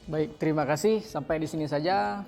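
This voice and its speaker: A man's voice: a little high, brisk, vocal fry, darkish tone, faint music behind. A man hosting an on-location interview at a museum. He speaks politely and uses frequent fillers. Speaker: interviewer and host. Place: museum exhibition hall.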